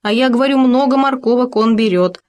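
A woman's voice: medium pitch, moderate pace, darkish tone, lightly acted. A woman reading a storybook, voicing a stingy, bossy male hare who blurts out answers.

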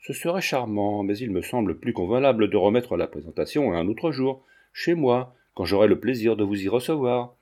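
A poised foreign countess speaks in a cool, clipped, faintly dismissive manner, voiced by a man raising his pitch. Her tone stays mellow and unhurried. She sounds sure of herself and keeps everyone at arm's length. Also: animated.

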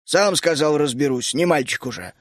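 Guy reading doing grumpy dragon-keeper uncle, low and grumbly, scolds the kids, dry close sound. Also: moderate pace, no echo, close to an everyday voice. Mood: gloomy. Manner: grumbling, scolding, bursts out hotly. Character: grumpy gruff middle-aged male dragon keeper. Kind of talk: audiobook character voice.

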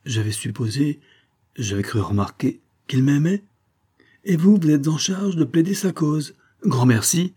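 A man's voice: a little high, expressive, unhurried, mellow, slightly rough, pitched above the performer's own voice. A man reading aloud and voicing a proud young woman who turns from mocking to angry. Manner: mocking, then angry and tearful.

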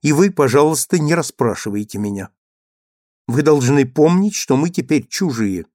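A man's voice: a little high, lively intonation, normal speed, a little mellow, no echo, close to an everyday voice. Proud young country woman, reluctant, curt and firm ; a male reader voices her, dry sound.

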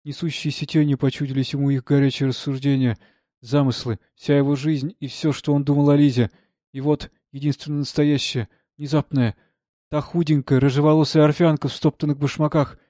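A man's voice: medium pitch, no room sound. Man with a dry, close narrating voice. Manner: measured, expressive storytelling. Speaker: audiobook narrator. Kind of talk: literary audiobook narration.

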